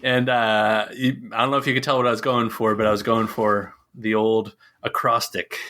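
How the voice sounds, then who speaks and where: A man's voice: lowish voice, level tone, normal speed, bright, forceful tone. A man hosting a film podcast, chatting casually and playfully, often stumbling and restarting lines. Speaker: podcast host. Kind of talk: casual chat.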